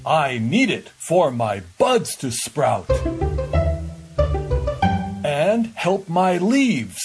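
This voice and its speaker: A storybook reader voicing a proud big tree in a loud, slow voice. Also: mid-range voice, very animated, over music, voice pushed up, exaggerated voice.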